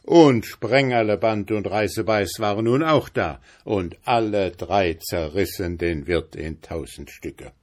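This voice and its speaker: A man reading a fairy tale aloud in a measured, dramatic storytelling manner. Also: lowish voice.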